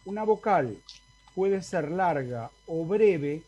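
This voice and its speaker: Over a video call, an Argentine-accented man gives a university Latin lecture, moving through the material step by step and frequently checking on his students. He speaks slowly in a high-sitting, animated voice with a dark tone.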